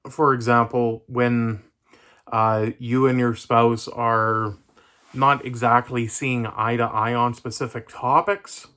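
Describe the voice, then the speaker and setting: A man's voice: medium pitch, a bit bright. Rambling young man vlogging to camera. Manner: rambling, hesitant with many fillers. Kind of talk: casual talk to camera.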